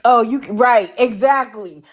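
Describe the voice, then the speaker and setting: A woman's voice: fairly high pitch, unhurried, highs cut off. Sarcastic woman hosting a livestream. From Connecticut, US. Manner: sarcastic, animated storytelling. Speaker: livestream host. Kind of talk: casual livestream commentary.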